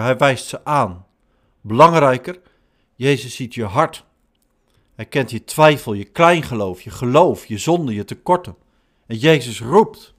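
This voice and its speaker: A man preaching a sermon in slow, measured short phrases. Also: medium pitch. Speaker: pastor.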